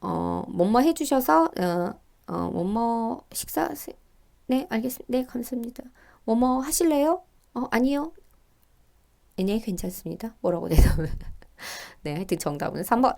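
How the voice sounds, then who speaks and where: A middle-aged woman teaching Korean, working through reading test questions and reading the example dialogues aloud in a higher, livelier voice. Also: animated, a little slow, gravelly, mellow. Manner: thinks aloud with fillers and small laughs.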